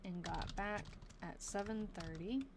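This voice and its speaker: On a live stream, a woman from Massachusetts casually reads an old diary aloud, thinking out loud and slowing over difficult words. Her voice is mid-range, and the background is noisy.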